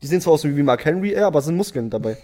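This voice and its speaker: A young man co-hosting a casual chat podcast, slangy and quick to jump between topics. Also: a little high, expressive, darkish tone. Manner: slangy, jumps between topics, laughs often. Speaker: podcast co-host.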